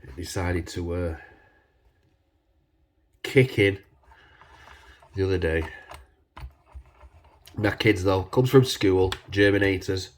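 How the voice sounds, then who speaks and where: A man congested with a cold, talking casually and hesitantly as he hosts a hands-on demonstration, his voice husky from man flu. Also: low voice, steady tone, slow pace, long pauses, slight background noise. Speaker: video host.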